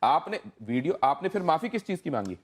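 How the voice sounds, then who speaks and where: Insistent high-voiced debate anchor, man. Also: very animated, brisk. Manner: presses and interrupts, repeating "no, no". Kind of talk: confrontational debate questioning.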